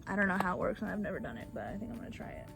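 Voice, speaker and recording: Filming on her phone on a back porch, this young woman, a beauty vlogger whose first language is Bulgarian, rambles chattily through a makeup tutorial and pokes fun at herself. Her mid-range voice is gravelly and very fast, with big pitch swings, and music plays underneath.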